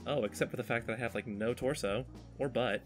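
A man hosts a podcast while drawing, talking casually and at length with a joking, exasperated manner. His voice is medium-pitched and quick, heard over music.

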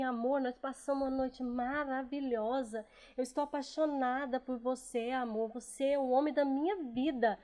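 A woman playing a shrill, lovesick young woman. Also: warm tone, close to an everyday voice. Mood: pleading. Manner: shrill, melodramatic, panicky. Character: clingy, dramatic young woman in love.

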